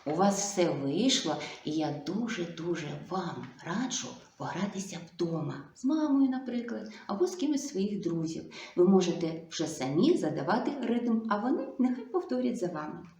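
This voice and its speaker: A woman speech therapist giving a video lesson to young children, slow and coaxing, full of sing-song diminutives. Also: lowish voice, sing-song, dark tone, slight background noise. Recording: echoey room.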